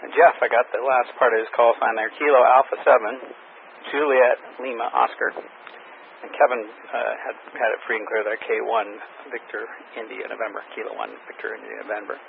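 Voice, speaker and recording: A man with a gravelly, fry-edged voice calls the roll of a radio net. His call signs come out slow and spelled phonetically. The sound is thin and narrow like a radio transmission, with a faint hiss of static. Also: medium pitch, flat delivery. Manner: reads call signs slowly in phonetic alphabet, orderly. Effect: heard over a two-way radio with static. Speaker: amateur radio net control operator. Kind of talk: running a ham radio check-in net.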